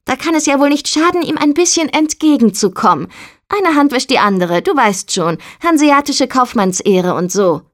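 A woman's voice: sits high, expressive, normal speed, pitched above the performer's own voice. Woman playing a snippy, stubborn young woman. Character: sharp-tongued defiant young woman, boat builder's daughter.

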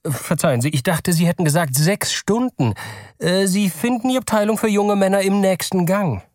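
A prim, curious shop clerk with a noticeably high, drawn-out voice, as a male reader puts him on. He sounds politely baffled and stays courteous throughout. The storybook reading is dry and close, with no room sound. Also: a little mellow, no room sound, lightly acted. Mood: polite puzzled. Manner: high, slow, politely puzzled.

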